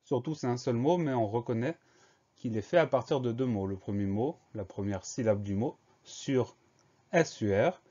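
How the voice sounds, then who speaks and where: Patient man spelling out words slowly. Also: mid-range voice, dark tone, lo-fi sound. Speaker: teacher. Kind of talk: spelling lesson for a dictation.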